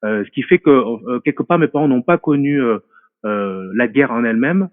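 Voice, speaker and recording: A man's voice: mid-range voice, animated, moderate pace, no echo. A man in his forties answers questions from afar, his voice thin and phone-like on a dry, close line. He thinks aloud, stumbling over fillers and repeating words as he gropes for the right phrase. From France. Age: 40s. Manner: hesitant and reflective, many fillers and restarts. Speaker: guest. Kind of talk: casual interview talk. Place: remote call from a mountain home.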